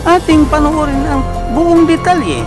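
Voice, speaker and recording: A woman's voice: high-pitched, normal speed, over music. A woman hosting a news commentary vlog, chatty and addressing her viewers directly. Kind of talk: casual news commentary narration.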